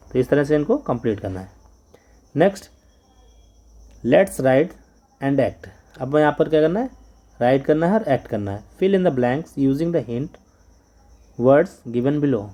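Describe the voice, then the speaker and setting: A man's voice: mid-range voice, mellow. A man with an Indian accent, a Hindi-speaking teacher explaining a lesson step by step and spelling words out letter by letter.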